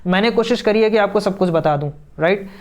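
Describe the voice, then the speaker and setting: A man's voice: high voice, fairly quick. A young man teaching an online exam-prep lesson, chatty and advising, often asking his listeners 'right?' and mixing English phrases into his talk. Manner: chatty, advising, keeps saying 'friends' and 'right?'; mixes English words and phrases into Hindi.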